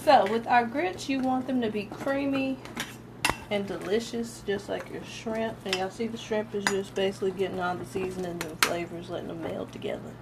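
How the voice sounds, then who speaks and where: At a moderate pace and medium pitch, with fairly even intonation, a woman in her twenties hosts a live cooking demo at home. She keeps it casual and chatty, speaks right to her viewers, and laughs often. Kitchen noise from frying pans, including sizzling and utensil clatter, runs underneath.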